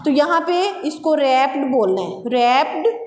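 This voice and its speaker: A woman schoolteacher with a Pakistani accent, slowly and patiently dictating English words and meanings to children in a class lecture. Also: high voice. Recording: echoey classroom, faint background noise.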